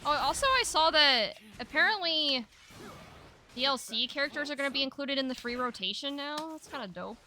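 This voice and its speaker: A woman's voice: high-pitched, lively intonation, a little fast, bright, forceful tone. A woman streaming a fighting game, chatting casually and reading chat aloud with a laid-back, rambling manner full of fillers.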